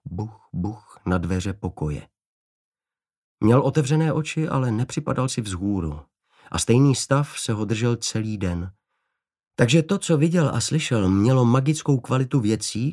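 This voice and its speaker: Steady male audiobook narrator. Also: mid-range voice. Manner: measured, steady storytelling.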